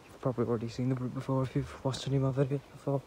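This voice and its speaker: A man giving casual vlog commentary outdoors, talking quietly and awkwardly with a self-deprecating manner. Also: mid-range voice, flat delivery, very fast. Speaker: vlogger. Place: outdoors in wind on open grassy shoreline and streets. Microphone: handheld phone. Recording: windy outdoor phone recording, heavy noise. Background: loud wind noise.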